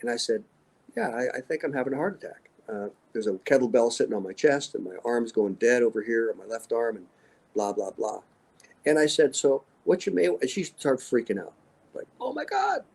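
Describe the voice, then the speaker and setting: A man in his sixties, an extreme athlete appearing as an interview guest, tells motivational stories in short, punchy, emphatic statements. His mid-range voice is brisk with a darkish tone, and the recording is low quality.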